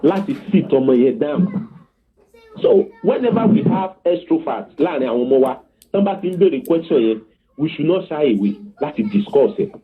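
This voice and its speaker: Appearing as a parenting guest, this Yoruba-accented man teaches earnestly in a slightly high, very animated voice at a fairly quick clip. Anecdotes fill his talk, and he frequently checks that the listener understands. It comes through a thin, phone-like line.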